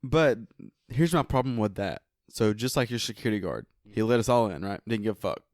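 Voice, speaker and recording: A man's voice: fairly low pitch, lively intonation, a little fast, darkish tone, dry recording, clean studio sound. A man from the United States co-hosting a podcast, joking around, laughing often and swearing casually, in a hot indoor room. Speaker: podcast co-host. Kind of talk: casual chat.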